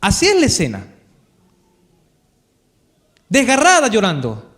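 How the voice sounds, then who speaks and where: A man's voice: high-pitched, huge pitch swings, unhurried, a bit bright. A man with a Chilean accent preaching a live sermon in church, telling the story with animation and asking the congregation questions. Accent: Chilean Spanish. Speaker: pastor.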